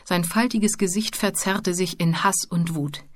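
A woman narrating a children's storybook in a calm, even manner. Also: fairly low pitch, unhurried, no echo. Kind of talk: audiobook narration. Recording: dry close studio sound.

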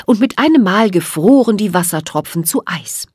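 A woman reads a children's storybook aloud, with a lively voice that swoops up and down for drama. The recording is close and dry, with no room sound. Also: medium pitch, moderate pace, husky, dry recording. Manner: expressive, dramatic reading. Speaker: audiobook narrator. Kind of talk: storybook narration.

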